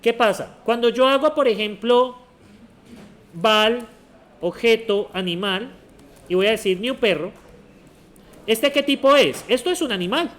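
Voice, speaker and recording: A man's voice: extremely high pitch, fairly bright tone. A man giving a university programming lecture, steadily quizzing the class with short questions. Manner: asks the class many quick check questions.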